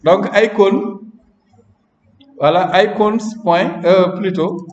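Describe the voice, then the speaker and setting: A man leads a live programming lesson, chatting and frequently checking in with the class, his voice high-pitched, slow and a little mellow. The classroom audio is lo-fi, dull and roomy, with a long reverb tail.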